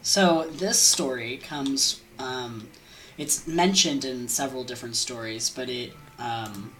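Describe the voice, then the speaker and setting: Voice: mid-range voice, takes it slowly, a bit bright, a little hiss or hum, low-quality recording. A young adult game streamer and storyteller with a sniffly cold, rambling casually in a scatterbrained, self-deprecating and informal way. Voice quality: congested.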